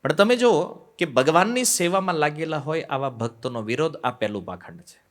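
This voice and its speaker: Man giving an animated devotional lecture. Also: fairly high pitch, normal speed. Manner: storytelling, poses rhetorical questions and acts out quoted voices; swings between loud emphasis and dropped, quiet asides. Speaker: devotional speaker on the Bhagavad Gita.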